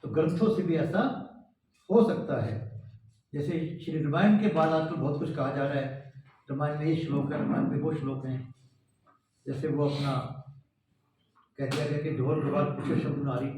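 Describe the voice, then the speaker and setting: A man's voice: fairly high pitch, normal speed, pauses often, a little mellow, a little hiss or hum. A man giving an earnest moral lecture to a gathering in a large hall, posing rhetorical questions. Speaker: speaker addressing a cultural meeting. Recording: echoey hall, distant mic, dull sound.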